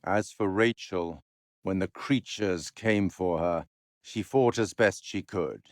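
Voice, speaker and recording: Playing a video game's sardonic, urbane curator, a male actor recounts others' fates in a mournful, formal, theatrical manner, wry in tone and marked by dramatic pauses. The low voice is captured in a dry, studio-quality recording.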